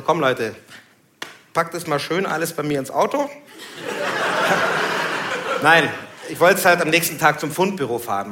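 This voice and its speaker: A man doing stand-up, telling a story in a lively, self-mocking way and laughing at his own jokes on a live stage. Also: a little high. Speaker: stand-up comedian. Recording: echoey live venue, background noise.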